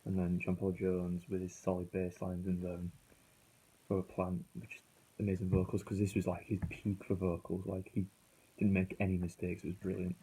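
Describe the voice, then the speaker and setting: A deep, mellow voice with a breathy edge, delivered completely flat at normal speed, belongs to a British man reviewing an album. His casual, unscripted vlog talk is rambling and hesitant with frequent self-corrections, muffled by a failing phone.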